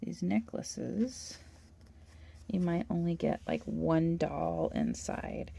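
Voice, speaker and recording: A woman hosting a toy-collecting channel, chatting and gushing through a catalog in a hoarse voice. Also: fairly low pitch, slow pace, warm tone. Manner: chatty, gushing, with little laughs. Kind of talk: casual show-and-tell of a toy catalog.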